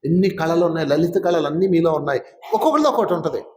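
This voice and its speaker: A man's voice: on the high side, lively intonation, rapid-fire, a little mellow. A man, a spiritual teacher, giving an informal talk to a live audience. He quizzes and teases his listeners as he goes. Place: gathering hall with an audience. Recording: roomy, echoing hall sound.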